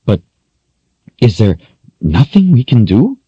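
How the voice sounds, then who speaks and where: A man's voice: mid-range voice, wildly swooping pitch, slow pace, dark tone, slightly rough, dry recording, dull audio, voice pushed up, full character voice. A man voicing an earnest young man who speaks urgently.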